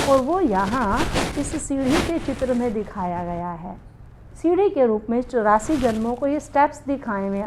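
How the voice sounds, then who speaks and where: A woman's voice: mid-range voice, darkish tone, slight background noise, poor audio. A woman giving a spiritual meditation lesson, explaining patiently and asking rhetorical questions to her listeners. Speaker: meditation teacher.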